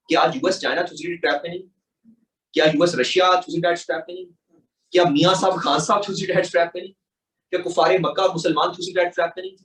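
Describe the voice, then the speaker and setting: A middle-aged man with a Pakistani Urdu accent, an exam mentor explaining with rhetorical questions. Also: fairly high pitch. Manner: animated, rhetorical questions, mixes English terms. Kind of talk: explaining in a panel talk. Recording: echoey room, mic at a distance.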